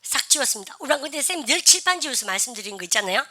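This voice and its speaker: Bright-voiced woman teaching English. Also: sits high, big pitch swings, racing. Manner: calls out drills, prompting learners to repeat; chatty asides to the class. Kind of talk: classroom lesson. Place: classroom with a blackboard.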